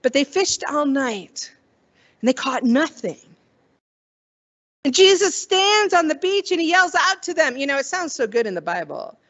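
A woman's voice: high-pitched, very animated, normal speed, fairly bright tone, highs cut off. A woman pastor giving a sermon in a conversational way, wondering aloud and acting out the quoted voices.

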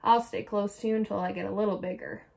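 A woman voicing a small, impatient, boastful boy chick in a read-aloud storybook, with an eager, high, excited manner. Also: fast talker, gravelly, natural voice. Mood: stubborn.

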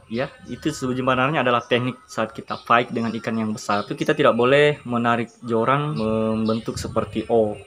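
A man in his thirties films himself up close on a handheld phone outdoors by a school building, chatting upbeat to viewers while reviewing fishing gear in a casual vlog. His mid-range voice is a bit bright, with slight background noise.

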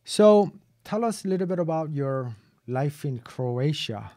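A man's voice: on the high side, animated, unhurried, mellow. A man in his fifties hosting a casual interview podcast, chatty and self-mocking, laughing often, on a studio mic at home. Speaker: podcast host. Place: home studio with shelves and posters. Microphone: boom studio mic.

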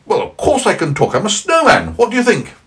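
A man voicing a cheerful, chatty snowman in a bedtime story, with high, bouncy, mock-indignant questions. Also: huge pitch swings, a little fast, fairly bright tone, distant mic, heavily acted.

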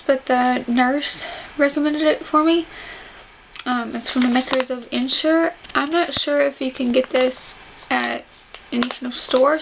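A young woman chats to camera in a home recording with faint background noise. Her voice is high but stays flat in melody. She articulates carefully with limited jaw movement. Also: vocal fry. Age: young adult. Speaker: vlogger describing surgery recovery. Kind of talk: casual talk to camera. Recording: noisy home camera audio.

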